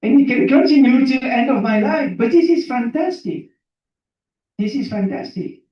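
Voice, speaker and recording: Very high-pitched and expressive at a normal speed, a man from Belgium, born in Burundi, delivers a motivational talk about his own life as a seminar guest speaker. A native French speaker with a French accent, he uses simple English, repeating phrases for emphasis and questioning the audience. The recording is muffled, with a distant mic in a very echoey room.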